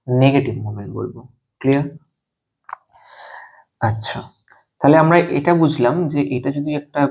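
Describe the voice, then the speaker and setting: Male lecturer, gravelly tone, methodical classroom delivery with frequent check-ins. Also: mid-range voice, a little mellow. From West Bengal. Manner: explains step by step with frequent check-ins, slows to dictate terms. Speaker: teacher.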